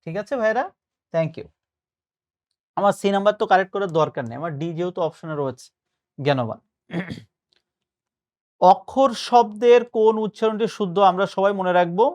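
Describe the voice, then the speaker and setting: A man's voice: high-pitched, a little fast, a little mellow. A male tutor giving a patient spoken lesson, explaining and mixing in English words. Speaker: admission test tutor.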